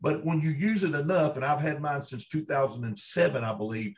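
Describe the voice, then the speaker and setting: A man's voice: on the high side, a little fast. A man with a Kentucky accent telling first-hand stories in a folksy, emphatic, conversational way, repeating himself for emphasis as an interview guest. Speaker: interview guest, Bigfoot researcher.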